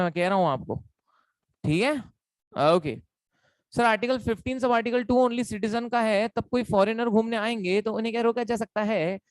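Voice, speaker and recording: A man's voice: very high-pitched, no echo. A young man giving an online lecture, playful and teasing, repeating himself often. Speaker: teacher.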